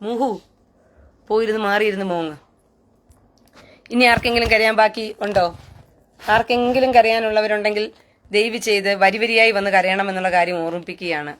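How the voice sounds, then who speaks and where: A woman's voice: mid-range voice, steady tone, a little fast, pauses often. A woman hosting a live stream, taunting and scornful, who keeps asking jeering questions. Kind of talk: mocking live rant.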